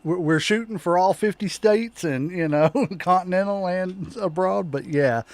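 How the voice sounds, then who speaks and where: A man's voice: sits high, a little slow, dry recording. A man hosting a podcast, chatting casually and loosely with a guest. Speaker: podcast host. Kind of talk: casual interview chat.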